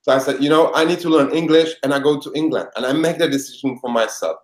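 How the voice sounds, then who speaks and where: A man's voice: a little high, quick pace. A man from the Czech Republic with a Czech accent, speaking English as a second language and answering interview questions as a life coach in an earnest, heartfelt way. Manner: earnest, heartfelt, with non-native grammar. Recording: echoey room sound.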